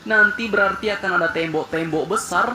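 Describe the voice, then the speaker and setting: A man's voice: sits high, brisk, echoey room, music in the background. A man narrating a casual news video, chatty and addressing the audience directly.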